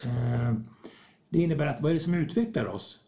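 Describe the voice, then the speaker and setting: A man with a warm, animated voice on the high side talks reflectively as a podcast guest. In this conversational setting he frequently acts out small dialogues to make his explanations clear.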